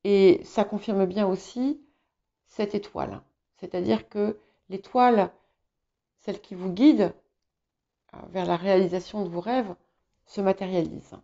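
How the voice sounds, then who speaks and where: On a slightly dull and muffled recording, a female tarot reader whose mother tongue is English offers viewers an informal intuitive reading through her guidance videos. Her medium-pitched voice is mellow and creaky, and she comes across as halting, word-searching and reassuring.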